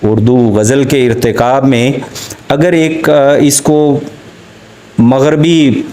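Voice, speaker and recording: A man with a Pakistani accent gives a formal academic lecture on literature, quoting poetry as he goes. His medium-pitched voice is slow, steady, and warm, and he speaks deliberately, frequently hesitating and halting mid-sentence before continuing.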